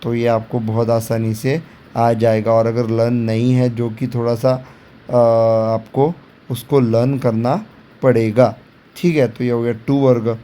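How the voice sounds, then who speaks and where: A man's voice: medium pitch, level tone, a little slow, dark tone, slight background noise. A man teaching Sanskrit in a patient lecture style, repeating points, quizzing the student, drawing out each syllable and mixing in English words. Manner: mixes English words into Hindi; drags out syllables when spelling sounds. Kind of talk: classroom lecture.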